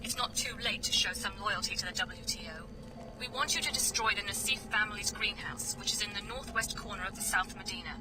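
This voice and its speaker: A woman's voice: medium pitch, fairly quick, music in the background, natural voice, rough recording. An actress playing a cool, businesslike woman handler giving orders in a video game. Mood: cool, commanding.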